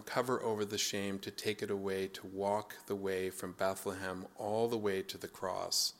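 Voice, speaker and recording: Slow-spoken, bright-toned male pastor. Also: on the low side. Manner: slow anecdotal storytelling that turns reflective. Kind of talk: sermon with personal storytelling.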